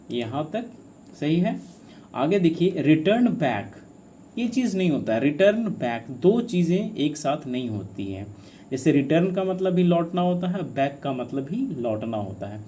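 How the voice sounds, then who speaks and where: A man's voice: on the high side, dark tone, slight background noise. A man teaching an exam-prep grammar lesson. He keeps asking his students questions, answers them himself, and repeats the key words.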